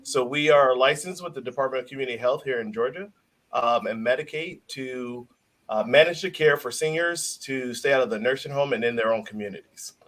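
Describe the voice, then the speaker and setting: A man's voice: mid-range voice, fairly bright tone, low-quality recording. Earnest man guest from Chicago. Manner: earnest, halting with fillers and restarts. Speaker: guest business owner. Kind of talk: casual interview chat.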